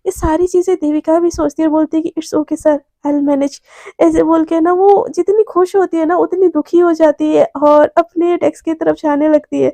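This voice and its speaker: A woman telling a romance story in a chatty, colloquial way. Her voice is high with a gravelly fry and a mellow tone, recorded dry. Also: steady tone, normal speed, few pauses, no echo. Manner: chatty, colloquial, many fillers. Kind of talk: casual story narration.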